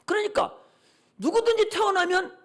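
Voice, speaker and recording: A man's voice: very high voice, steady tone, normal speed, a bit bright. A male pastor preaching a Sunday morning sermon, emphatic and full of rhetorical questions he answers himself.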